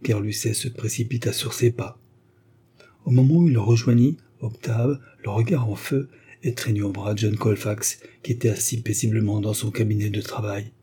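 Dark, husky male audiobook narrator. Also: on the low side, fairly even intonation, normal speed. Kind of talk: scripted narration of a classic novel.

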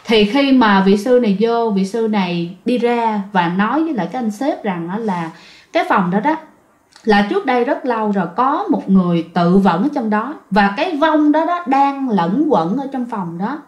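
A woman's voice: a little high, expressive, moderate pace, a little mellow. A woman with a Southern Vietnamese accent telling a ghost story in a chatty way, talking straight to her listeners. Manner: chatty, addresses listeners directly. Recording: roomy, slightly dull recording.

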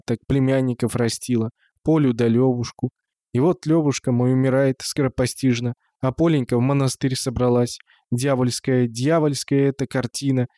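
A man voicing a frail, bedridden old spinster woman who speaks in a creaky, sighing, folksy way. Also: medium pitch, mellow, no echo, studio quality, lightly acted.

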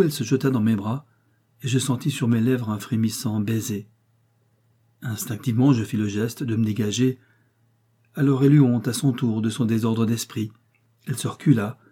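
A male audiobook narrator reads a classic story in a measured, steady way. His voice is dark and mellow, with a husky grain, and sits at an ordinary middle pitch.

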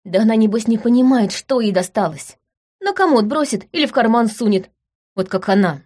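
A woman's voice: on the high side, expressive, fairly quick, darkish tone, pitched above the performer's own voice. A woman reading an audiobook voices an agitated, stubborn young man close to tears. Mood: indignant. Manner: heated, stubborn, near tears.

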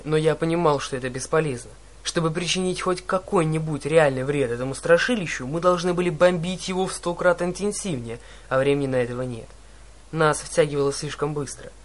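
A man narrates a first-person adventure novel aloud. His delivery is dramatic and animated, and his voice sits a touch high for a man. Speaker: audiobook narrator.

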